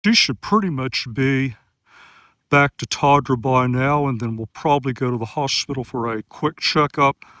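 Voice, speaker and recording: Steady man in his sixties, dry sound. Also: medium pitch, dry recording. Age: 60s. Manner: steady, methodical, with frequent pauses and "uh" fillers. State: out of breath after running. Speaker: gear reviewer and search-and-rescue volunteer. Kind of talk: outdoor field vlog narration. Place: outdoors on night trails in grasslands.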